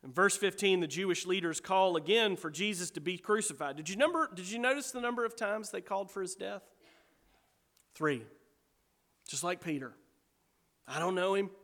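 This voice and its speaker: Pastor, male, high bright voice, emphatic sermon delivery, long hall reverb. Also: expressive, normal speed, pauses often. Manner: emphatic, asks the congregation rhetorical questions.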